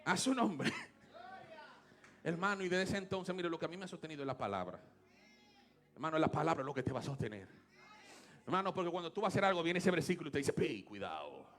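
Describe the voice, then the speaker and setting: A Dominican man preaching a sermon, moving between hushed talk and loud shouted praise. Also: a little high, lively intonation, fast, long pauses. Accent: Dominican Spanish. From Dominican Republic. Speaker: pastor.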